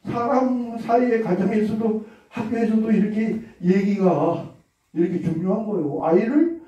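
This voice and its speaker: A man's voice: high-pitched, normal speed, mellow. A man giving an explanatory lecture on communication, checking in with his listeners as he goes. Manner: explanatory, checks in with listeners, acts out example lines. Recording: very echoey, distant, dull lo-fi.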